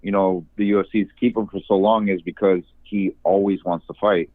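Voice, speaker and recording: A man's voice: sits low, fairly even intonation, a little fast, dry recording. A man calling a talk show by phone, giving his opinions in a casual, rambling way. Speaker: caller to an MMA talk show. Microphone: phone line. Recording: narrow phone-like call.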